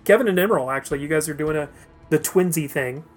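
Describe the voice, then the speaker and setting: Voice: medium pitch, fast talker, faint music behind. A game master running a tabletop role-playing session, narrating the action and laughing often.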